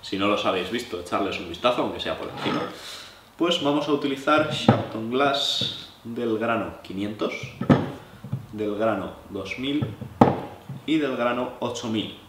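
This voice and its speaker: A young Spanish man from La Mancha, seated at a table in his living room, explains knife sharpening to viewers in a relaxed, chatty way. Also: medium pitch, a little slow, roomy sound, heavy background noise. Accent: Spanish from Spain. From La Mancha, Spain. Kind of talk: hands-on tutorial, addressing viewers.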